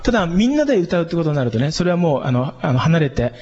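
A man, a church pastor, giving a casual spoken lesson on singing and microphones, chatty with many fillers and lively leaps in pitch. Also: fast talker, husky. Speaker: church pastor teaching singers. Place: church hall. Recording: dull lo-fi sound with long reverb.

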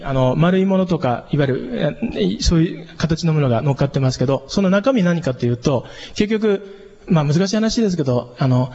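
A man, a church pastor, giving a casual spoken lesson on singing and microphones, chatty with many fillers and lively leaps in pitch. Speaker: church pastor teaching singers. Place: church hall. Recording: dull lo-fi sound with long reverb.

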